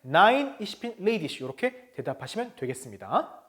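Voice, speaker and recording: A Korean-speaking man teaching German, explaining step by step, slowly modeling the German words and often asking the class whether they follow. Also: high-pitched, very animated, fairly bright tone. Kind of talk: video lesson lecture.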